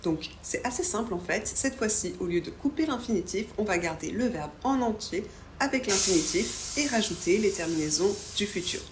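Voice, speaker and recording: A woman's voice: mid-range voice, lively intonation, normal speed. Echoey woman teaching French grammar. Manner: clear, careful explanations of pronunciation. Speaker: French teacher and channel host. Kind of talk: explaining a grammar lesson. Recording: echoey room with faint background hum.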